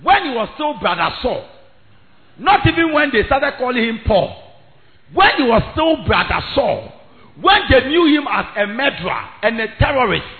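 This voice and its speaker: A man with a Ghanaian accent preaching an impassioned evangelistic sermon, emphatic and repetitive, switching between English, Twi and Ghanaian pidgin. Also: very high voice. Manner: emphatic, repetitive, rising to shouts. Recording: thin phone-like sound, faint music.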